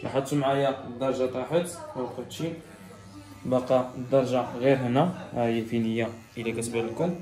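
A Moroccan-accented barber walks viewers through a haircut in his salon, addressing them directly and going over each step twice. He talks fast in a steady, warm, medium-pitched voice, and the room sounds spacious.

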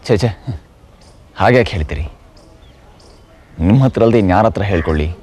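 An actor as Subbanna, deep resigned man. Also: expressive, brisk, a little mellow, a little hiss or hum, lightly acted. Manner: subdued, resigned. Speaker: troubled husband. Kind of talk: TV serial acting.

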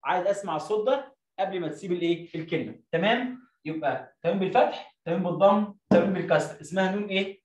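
Speaking in a high voice with an Egyptian accent, a man leads an Arabic reading lesson, stretching each word slowly into its syllables. The mic is distant, leaving the audio roomy and dull with lo-fi quality.

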